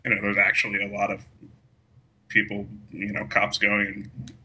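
A man with a fairly low, husky voice that still sounds bright and forceful. He rambles casually through a film discussion, leaning on lots of fillers and laughing often. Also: monotone, moderate pace, low-quality recording. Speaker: podcast co-host.

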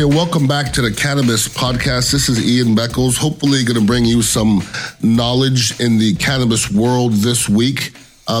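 A middle-aged man hosting a casual solo podcast, talking in a blunt, slangy, colloquial way. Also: on the low side. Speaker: podcast host.

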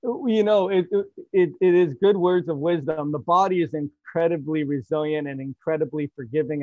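A man's voice: fairly high pitch, dry recording. A man from Toronto hosting an interview, affirming and enthusiastic. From Toronto, Canada. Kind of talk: interview chat. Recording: tinny phone-like line.

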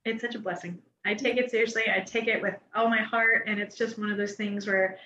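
An American woman, a swim instructor and guest, speaking in a heartfelt, expressive, earnest way. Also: medium pitch, brisk, roomy sound, muffled recording, a little hiss or hum. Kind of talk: casual conversational interview.

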